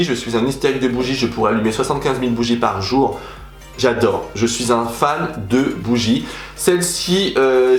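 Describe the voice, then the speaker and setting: A young man chatting animatedly as a beauty vlogger, gushing about his favorite products in a casual review. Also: fairly high pitch. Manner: animated, chatty, exaggerated enthusiasm. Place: room at home. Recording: echoey room with faint music.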